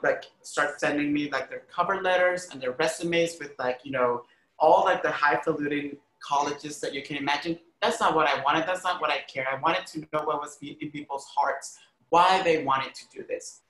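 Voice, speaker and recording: On a rough recording made in an echoey room, a Honduran man who works as an arts critic and educator speaks as a podcast guest. He's earnest and emphatic as he shares personal stories in the interview, his slightly high, somewhat bright voice frequently dropping in "like" and "you know".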